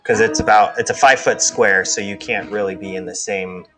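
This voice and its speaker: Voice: sits low, fairly even intonation, brisk, a bit bright, soft background music. A game master narrating a tabletop game in a rambling way, full of fillers and hedges.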